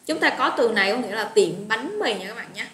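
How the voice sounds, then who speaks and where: Speaking fast and animatedly in a fairly high, fairly bright voice, a Southern Vietnamese-accented woman teaches English vocabulary live online. She keeps things chatty and encouraging while calling on students by name, recorded with roomy echo and a little noise.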